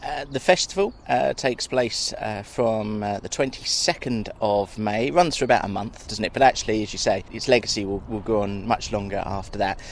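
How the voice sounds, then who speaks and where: A man's voice: fairly low pitch, normal speed, few pauses. A man hosting a podcast, interviewing conversationally outdoors. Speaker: podcast host. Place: outdoors by the estuary. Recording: faint outdoor background noise.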